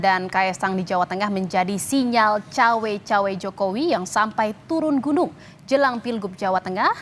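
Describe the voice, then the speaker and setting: A woman news anchor introducing a guest and asking questions, lively and prone to small fillers. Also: medium pitch, a little hiss or hum. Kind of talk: studio news hosting.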